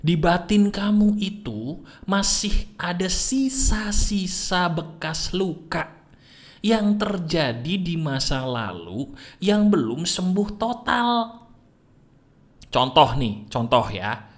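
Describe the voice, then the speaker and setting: A man's voice: high-pitched, slow. A man giving a motivational talk, teasing and questioning the listener constantly. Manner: animated, keeps firing questions at the listener. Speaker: motivational speaker.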